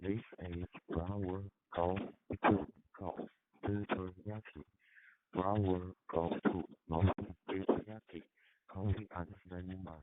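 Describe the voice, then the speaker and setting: A man from China, an amateur radio operator, talking haltingly with many hesitations through an overloaded, clipping mic over a radio link. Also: sits low, fairly even intonation, no echo. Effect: clipping, distorted overloaded mic. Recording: tinny radio transmission with faint static.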